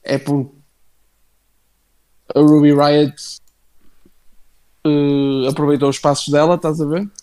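Male co-host, European Portuguese accent, slightly raised pitch, halting and slangy, chatting casually and familiarly. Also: little pitch movement, mellow, smooth, low-quality recording. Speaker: wrestling show co-host. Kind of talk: casual live chat about wrestling.

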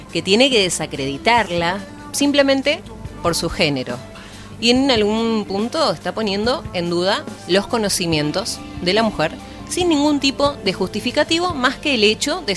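An Argentine woman commenting in a TV studio, explaining her point with rhetorical questions. Her voice is lively and animated, with faint music behind her. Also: mid-range voice. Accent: Argentine Spanish. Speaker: TV panelist.

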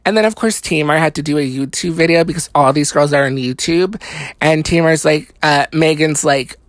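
A person giving a casual, gossipy recap of a reality show, talking fast and loose with lots of "like" and swearing. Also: mid-range voice, dry recording. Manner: chatty, profane, many "like" fillers.

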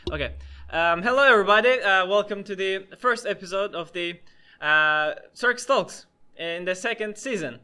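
A man's voice: high voice, moderate pace, sharp tone, clean tone. A young man hosting a casual podcast chat, talking hesitantly with many restarts and fillers. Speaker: podcast host.

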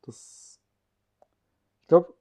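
A man's voice: extremely slow, phone-quality sound. A young man co-hosting a casual podcast among friends at home, rambling in slang and trailing off into a mumble. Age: young adult. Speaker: podcast co-host. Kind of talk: casual chat.

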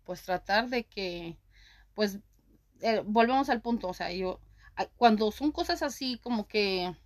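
A woman's voice: mid-range voice, expressive, a little slow, no echo, clean studio sound. A middle-aged woman, the host's mother, talking hesitantly with many fillers in a casual conversation.

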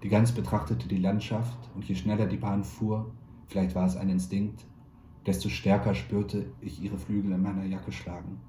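A man, a stage actor, reading a literary short story aloud in a measured, quietly wry way. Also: fairly low pitch, flat delivery. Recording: roomy echo, faint background noise.

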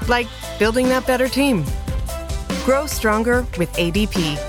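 A woman reading a scripted advertisement in a slow, polished voice-over. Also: on the high side, animated. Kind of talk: scripted ad narration. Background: music.

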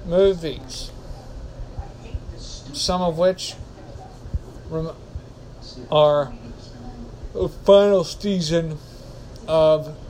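A man's voice: fairly high pitch, a little mellow, slight background noise, low-quality recording. A man hosting a casual solo podcast, rambling and often correcting himself. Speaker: podcast host.

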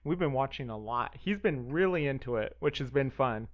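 A man's voice: medium pitch, animated, moderate pace, dull audio. A man co-hosting a podcast in casual, playful chat. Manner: playful, joking. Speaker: podcast co-host.

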